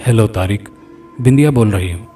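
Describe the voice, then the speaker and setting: A seductive, menacing female spirit in a spoken horror story, as a male narrator puts her on. The voice is mellow and dark and sits a little back from the mic. Faint music plays underneath. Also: fairly low pitch, far from the mic, lightly acted. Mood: coaxing. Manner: coaxing then threatening.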